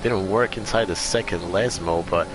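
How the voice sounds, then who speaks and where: A man with a low voice works as co-commentator on an esports race. He gives live analysis of the action. Vehicle noise from the game is clearly audible behind him. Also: moderate pace. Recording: noisy engine ambience behind voice.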